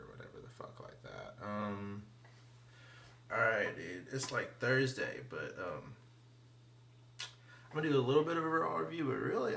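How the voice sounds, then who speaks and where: A man's voice: on the low side, creaky, a bit bright, slight background noise. A man rambling through a casual wrestling review, profane and slangy, full of fillers and often trailing off into mumbles. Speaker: wrestling vlogger.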